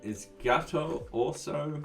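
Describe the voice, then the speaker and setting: This man's voice is fairly high and gravelly, and he takes it slowly while hosting a relaxed live coding stream. He answers chat in an easygoing manner that often trails off. He's far from the mic, slightly off-mic, over soft background music.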